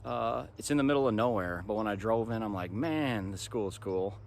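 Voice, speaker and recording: American male vlog host, 30s, lowish voice, informal delivery, light outdoor noise. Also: lively intonation, a little fast, gravelly. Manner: informal, conversational. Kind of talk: casual vlog recap to camera. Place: outdoors, park path and parking lot. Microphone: phone at arm's length. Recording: faint outdoor background noise.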